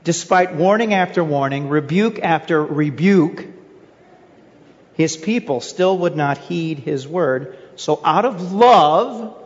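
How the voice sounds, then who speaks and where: Pastor preaching in a reverberant church. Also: male voice, on the high side, expressive, takes it slowly, lo-fi sound. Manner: earnest preaching with rhetorical questions. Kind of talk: sermon. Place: church sanctuary.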